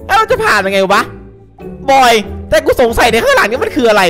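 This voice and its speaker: A young man giving excitable, casual co-op game commentary, yelping and laughing often. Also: very high voice, fast talker. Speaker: gaming YouTuber. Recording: music playing behind.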